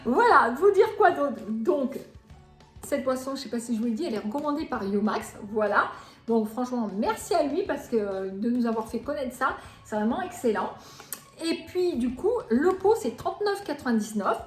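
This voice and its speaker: A woman's voice: high voice, lively intonation, moderate pace, soft background music. A woman in her forties hosting a cooking vlog, talking casually, chatty and self-mocking, in a home kitchen. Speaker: cooking channel host. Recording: echoey room.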